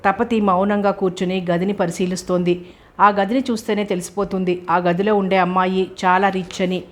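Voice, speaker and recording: A woman's voice: mid-range voice, level tone, brisk. A woman steadily reading a novel aloud as an audiobook narrator.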